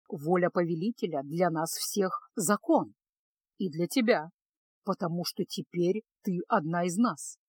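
A calm high priestess, played by a woman narrator, speaks in a hushed, lowered voice. She is soft but unbending and repeats herself with quiet firmness. The audiobook sound is dry and close. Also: slightly rough, no room sound. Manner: soft, low, firm.

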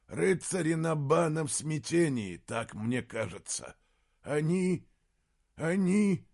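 A jittery male adviser in an audiobook, his voice raised higher and held back, slow and halting as he reports on a lost battle, put on by the male reader. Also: sing-song, vocal fry, a little mellow, heavily acted. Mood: anxious.

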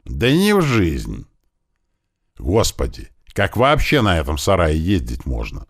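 A man voicing an exasperated, grumpy man yelling about a rattling car. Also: low voice, huge pitch swings, measured pace, exaggerated voice. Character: grumpy man, fed-up driver.

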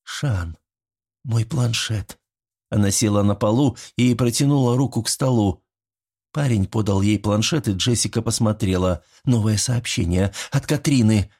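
Audiobook narrator: man, low voice, husky, steady storytelling. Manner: measured storytelling. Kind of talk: scripted narration.

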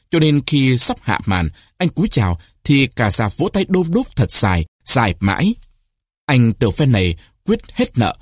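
A man reading a short story aloud with expressive storytelling, raising his voice for cries and quoted shouts. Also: medium pitch, slightly rough, no echo, studio quality. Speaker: narrator.

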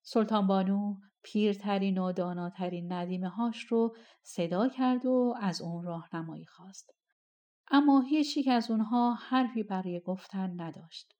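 Female audiobook narrator, colloquial and expressive, mid pitch. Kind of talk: storytelling narration.

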